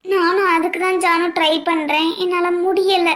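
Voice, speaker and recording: A woman voicing a sad young college student in a cartoon, speaking in a weepy, halting way. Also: extremely high pitch, flat delivery, a bit bright. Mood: tearful.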